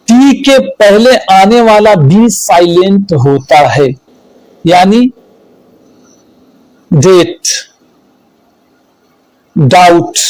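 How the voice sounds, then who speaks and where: Man teaching spelling, high voice, slow, repeats rules, dry close sound. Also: a little mellow, no echo, rough recording. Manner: slow, deliberate, repeats each rule. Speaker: English teacher. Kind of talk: spelling lesson explained in Hindi.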